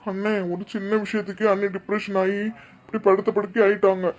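A woman's voice: medium pitch, little pitch movement, fairly quick, natural voice. A woman voicing an urgent younger brother and business partner in a cartoon, speaking in a pressing, insistent way. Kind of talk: cartoon voice acting.

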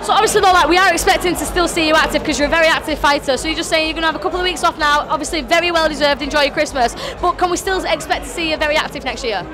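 Young woman, post-fight host, enthusiastic, high voice, casual, crowd and music behind. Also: rapid-fire, hardly any pauses. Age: young adult. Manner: enthusiastic, effusive. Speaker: interviewer, host. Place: busy indoor event venue, in front of backdrop. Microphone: handheld interview microphone.

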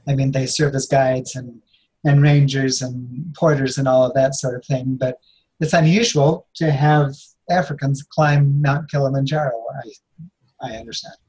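Man, husky voice, reflective storytelling, meandering, chuckles. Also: mid-range voice, fairly even intonation, measured pace, a little mellow, rough recording. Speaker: guest speaker. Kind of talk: personal storytelling.

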